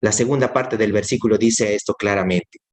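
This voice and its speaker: A man's voice: fairly low pitch, brisk. Earnest male preacher delivering a sermon. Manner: earnest, repeats key phrases for emphasis; addresses listener directly as brother.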